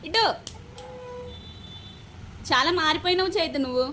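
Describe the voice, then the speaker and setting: A woman's voice: high-pitched, normal speed, sharp tone, a little hiss or hum. A young mother at home, coaxing and scolding her small child in short, repeated commands while filming. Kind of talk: casual home vlog. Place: family home.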